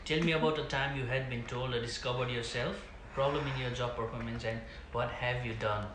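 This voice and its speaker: A man's voice: medium pitch, steady tone, fairly quick. Man, interviewer, formal questions, echoey room, noisy background.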